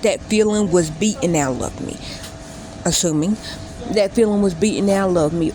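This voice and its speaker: On a rough recording with slight background noise, a woman in her late thirties speaks in a somewhat mellow voice on the low side. Vlogging casually, she rambles through a personal story and often backtracks to correct herself.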